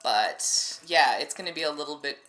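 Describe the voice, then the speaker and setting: Woman podcaster, echoey cave-like room, lowish bright voice, dry self-mocking chat. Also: animated, moderate pace. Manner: wry, self-deprecating, rambling. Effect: cavernous echo in the room. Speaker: podcast co-host. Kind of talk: casual chat. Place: apartment with a couch. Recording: echoey untreated apartment room.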